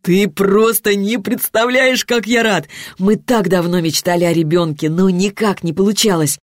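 A woman's voice: fairly low pitch, brisk, darkish tone, no room sound, studio quality, natural voice. A woman voicing a cheerful young man, an expectant father, speaking eagerly and drawing out his words. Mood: beaming.

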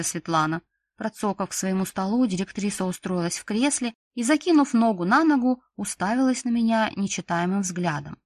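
A woman reads a first-person novel aloud with a lively, wry storytelling manner. Her voice sits at an ordinary pitch and the recording is close and completely dry. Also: no echo. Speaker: audiobook narrator.

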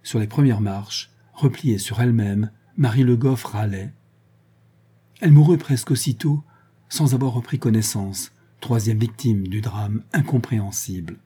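Man, audiobook narration, low voice, husky, measured dramatic reading. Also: dark tone. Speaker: audiobook reader. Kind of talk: scripted narration of a classic novel.

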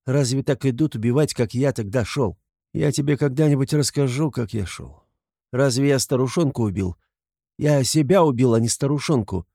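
A man playing a tormented, gloomy young man who speaks bitterly and often quietly in a storybook reading. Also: medium pitch, gravelly, slightly rough, no echo, studio quality, pitched above the performer's own voice.

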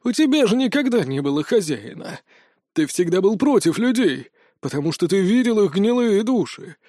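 A man voicing a sarcastic, whiny ancient male trickster god with a shrill, theatrical manner. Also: very animated, normal speed, mellow, no echo, clean studio sound. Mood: pleading.

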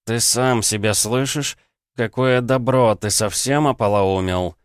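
A man's voice: medium pitch, unhurried, clear, resonant tone, no echo, studio quality, pitched above the performer's own voice, natural voice. A man voicing a hot-tempered young male cadet who snaps and hisses his words. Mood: angry. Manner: snapping, hissing.

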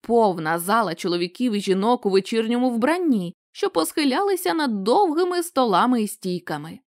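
A woman narrating a short story as an audiobook reader, in an expressive, animated way. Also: fairly high pitch, brisk, no room sound, clean studio sound.

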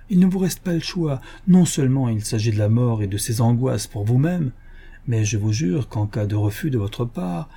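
A man's voice: mid-range voice, breathy edge. A man voicing a silky, scheming tempter. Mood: pressing. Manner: soft, coaxing, persuasive. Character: smooth-talking scheming male tempter, persuasive. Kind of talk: audiobook character voice.

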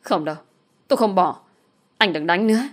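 A woman voicing a frightened but defiant young pregnant woman in an audio story, shouting and tearful. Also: lowish voice, a little fast, lightly acted. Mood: pleading.

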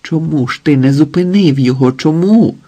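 A man's voice: on the high side, normal speed, warm tone, breathy edge. A man doing a desperate pleading wife. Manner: pleading, tearful.

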